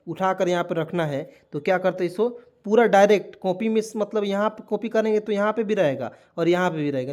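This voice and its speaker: High-voiced man teaching spelling. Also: darkish tone. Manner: repeats questions to viewers, spells words letter by letter. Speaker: English teacher. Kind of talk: spoken lesson.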